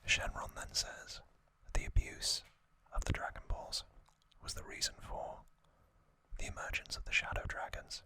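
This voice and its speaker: A man hosts an ASMR narration in a whisper, gently telling a story in short, hushed phrases at an unhurried pace.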